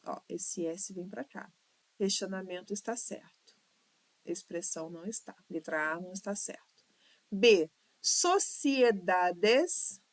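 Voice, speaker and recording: A woman's voice: lowish voice, no room sound. A Brazilian woman teaching Portuguese for exams, patiently going through questions and sounding out words syllable by syllable. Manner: patient, counts syllables aloud, drawls words to sound them out. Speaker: Portuguese teacher for exam prep. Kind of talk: online lesson walking through exam questions.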